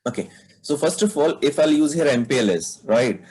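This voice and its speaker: A man's voice: fairly high pitch, lively intonation, brisk, darkish tone, breathy edge, rough recording. A man teaching a live online networking class, explaining step by step and checking in with students by asking "right?". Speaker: networking instructor.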